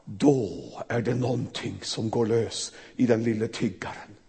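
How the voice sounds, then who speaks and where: A man preaching a fervent, emotional sermon in a church, swinging between loud and soft. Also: mid-range voice, fairly even intonation, creaky, slightly rough, in a large hall.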